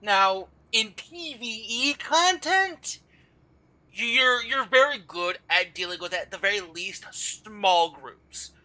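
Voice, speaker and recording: A man's voice: high-pitched, lively intonation, takes it slowly, pushed and bright, poor audio. A tired man talking through a game class in a casual guide voice-over, rambling and often stopping to correct himself. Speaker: gamer explaining a game class.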